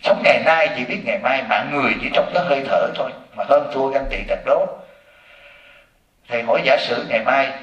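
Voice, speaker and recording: A man, a Buddhist monk, giving a sermon with lively storytelling and acted-out quotes. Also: medium pitch, brisk, muffled recording. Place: temple hall. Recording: roomy echo from far off.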